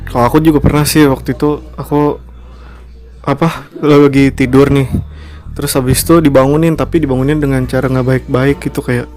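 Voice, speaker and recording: A man's voice: medium pitch, level tone, fairly quick, darkish tone, soft background music. A young man co-hosting a casual chat podcast, talking animatedly and acting out quoted outbursts in a raised voice. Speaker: podcast co-host.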